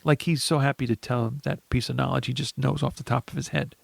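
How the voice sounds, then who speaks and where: Gravelly man recapping a movie. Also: mid-range voice, steady tone, fast talker, no room sound. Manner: rambling, laughs often, restarts. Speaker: podcast co-host. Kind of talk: casual movie recap chat.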